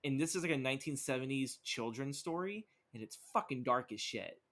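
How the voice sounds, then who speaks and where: A young man talks casually on a podcast, rambling from one thought to the next and swearing freely. His voice sits at an ordinary middle pitch. He leans heavily on fillers and quick restarts. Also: lively intonation, fairly bright tone. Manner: rambling, profane, lots of fillers. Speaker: podcast co-host. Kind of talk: casual chat.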